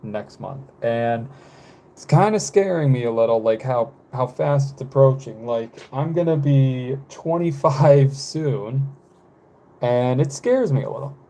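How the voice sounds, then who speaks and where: A twentysomething live streamer chats casually with his viewers, rambling and hesitating, full of fillers, self-corrections and soft laughter. His mid-range voice is animated, and he speaks a little slowly.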